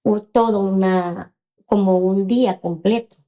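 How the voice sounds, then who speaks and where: A woman, recounting her story as an interview guest. Her voice has a gravelly, fry-laden texture. She speaks hesitantly, often pausing on fillers and checking in with the listener. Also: medium pitch, steady tone, lo-fi sound. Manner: hesitant, many fillers and "¿verdad?" tags.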